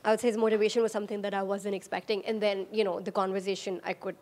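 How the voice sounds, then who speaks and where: A woman's voice: mid-range voice, little pitch movement, very fast, a little mellow. A female student hesitantly reporting on her classroom interview, with many fillers.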